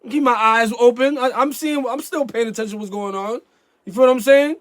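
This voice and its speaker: A man with a stuffy nose chatting casually to his viewers, rambling with lots of restarts and fillers, and breaking into loud, emphatic outbursts. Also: very high voice, fast, no room sound. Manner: bursts into loud emphatic yelling. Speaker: YouTube vlogger. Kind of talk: casual vlog chat to camera.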